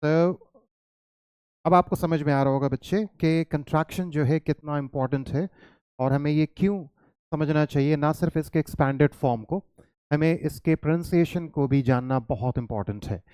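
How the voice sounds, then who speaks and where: A man's voice: on the high side, normal speed, a little mellow, smooth, no echo, studio quality. An Indian man teaching an English lesson, mixing Hindi and English and quizzing his students with coaxing questions. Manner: coaxing, questions to students, calls them "child".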